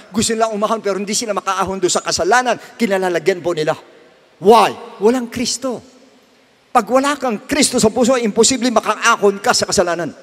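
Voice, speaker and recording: A man with a Filipino accent preaching a sermon as pastor, swinging widely between soft low passages and loud high cries and repeating his phrases. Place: church hall. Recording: long reverb of a church hall.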